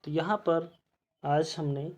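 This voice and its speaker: A male teacher giving an exam-prep lesson, reading out quiz questions and their options one by one in a measured way. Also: fairly high pitch, steady tone, darkish tone.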